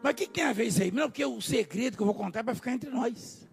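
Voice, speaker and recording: A Brazilian preacher man with a very high, raspy and gravelly voice. His pitch jumps around a lot as he preaches in a church hall, joking with the congregation and swinging from low asides to shouts. Soft music plays underneath. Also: expressive, racing. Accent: Brazilian Portuguese. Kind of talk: live church sermon.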